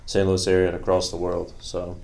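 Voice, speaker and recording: A man's voice: low voice, monotone, a little fast, gravelly, darkish tone. A man in his late twenties from Bosnia, talking earnestly as a podcast guest, rambling with fillers. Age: late 20s. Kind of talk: casual interview talk.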